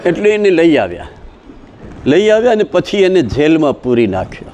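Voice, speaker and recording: A man with a Saurashtra Gujarati accent telling a devotional story, swinging between loud exclamations and soft asides. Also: on the high side, very animated, normal speed, a little hiss or hum. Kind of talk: religious discourse with chanting. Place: outdoor village satsang gathering.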